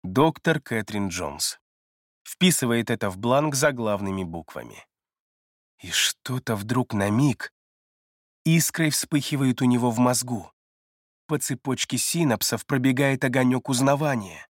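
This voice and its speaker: A man steadily narrating a thriller audiobook in a measured storytelling manner. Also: medium pitch, lively intonation, no room sound. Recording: dry close studio read.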